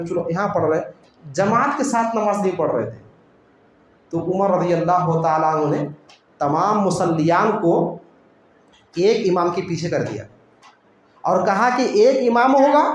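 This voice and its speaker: A man giving a religious lecture in a mosque, explaining a point step by step and asking rhetorical questions that he answers himself. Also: high-pitched. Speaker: Islamic preacher. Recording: very echoey room, faint noise.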